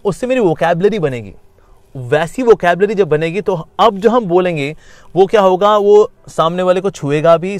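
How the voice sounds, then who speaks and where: A man teaching a spiritual course, mixing Hindi and English, lively and explanatory, sometimes acting out inner voices with sing-song repetition. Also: high voice, no room sound. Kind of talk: Gita lecture.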